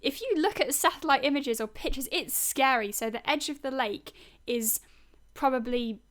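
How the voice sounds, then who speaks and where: A woman's voice: sits high, normal speed, fairly bright tone. A woman co-hosting a wildlife podcast, explaining earnestly and with engaged concern. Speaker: podcast co-host. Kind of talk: conversational podcast discussion.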